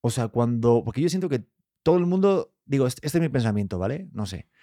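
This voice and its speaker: A man from Spain with a Spanish accent co-hosts a casual podcast chat, his voice sitting at an ordinary middle pitch. He muses aloud in asides and restarts. The recording is dry and close, with no room sound. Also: expressive, a little fast, dark tone, no echo. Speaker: podcast co-host.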